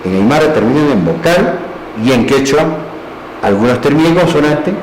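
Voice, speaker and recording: A man's voice: medium pitch, expressive, normal speed. A man giving a lecture on language, explaining step by step and often checking in with his listeners. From Peru. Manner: explanatory, with frequent "¿no?" and "entonces". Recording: echoey room, faint background hiss.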